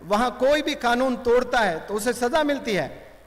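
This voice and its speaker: A man's voice: extremely high pitch, lively intonation, moderate pace. A man giving a motivational lecture to students, speaking emphatically and switching between Hindi-Urdu and English. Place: large hall with audience. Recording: reverberant hall.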